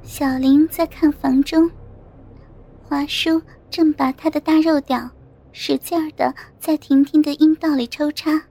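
A woman narrating a story in a steady, measured reading of short phrases. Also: sits high. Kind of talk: scripted audiobook narration.

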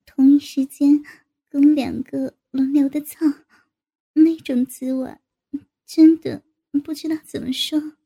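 A woman voicing a shy young woman who confides to a friend in a hesitant, halting way. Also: sits high, fairly even intonation, creaky, exaggerated voice. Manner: hesitant, halting, soft-spoken. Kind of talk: adult audio story reading.

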